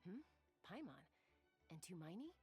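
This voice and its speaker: An actress playing a calm, capable young woman scout in game dialogue, speaking in a steady, matter-of-fact way. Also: fairly low pitch, measured pace, soft background music.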